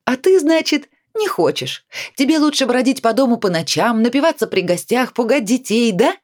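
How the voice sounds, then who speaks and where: A woman's voice: on the high side, very animated, a little slow, a little mellow, pitched above the performer's own voice. A woman reading a storybook voices an adult woman who scolds and then coaxes her friend. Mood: scolding.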